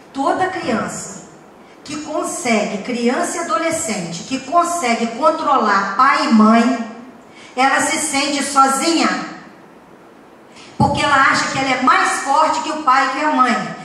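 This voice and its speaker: High bright-voiced woman lecturing parents, emphatic, lots of "right?", far off mic in a super echoey hall. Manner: emphatic, with rhetorical questions and humorous anecdotes. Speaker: speaker at a parenting talk. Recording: echoey hall, distant mic, faint noise.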